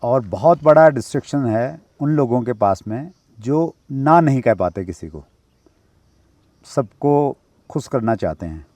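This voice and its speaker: Polite host, dry close sound. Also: male voice, medium pitch, animated, unhurried, warm tone, no echo. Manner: attentive, polite, frequent affirmations, addresses guest as sir. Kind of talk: interview host.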